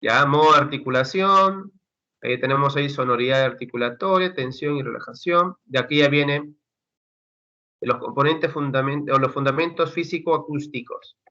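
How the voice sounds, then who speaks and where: A man's voice: medium pitch, moderate pace, pushed and bright. A man teaching a university class online, talking through his course materials in a chatty way with many fillers. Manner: conversational, addresses students as chicos, many fillers. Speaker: university lecturer. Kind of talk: online class over video call. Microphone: computer mic on a video call. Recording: dull lo-fi call audio.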